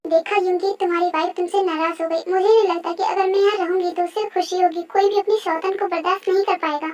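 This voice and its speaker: Brief: very high, pleading, tearful lovesick young wife as voiced by a young woman in a fan dub, faint music underneath. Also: fairly even intonation, fast talker, darkish tone. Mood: demanding. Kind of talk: Hindi fan dub role-play.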